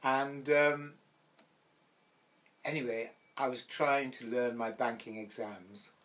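Speaking slowly in a steady, mid-range voice that's a bit bright, an older man from Wales with a light Welsh accent reminisces as an actor guest. He rambles from story to story in the interview, acting out the voices within them.

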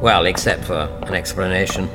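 An actor playing a wry, eccentric, stubborn adventurer in an audio drama, theatrical and sardonic. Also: male voice, low-pitched, normal speed, music in the background, lightly acted. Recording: long echoing reverb.

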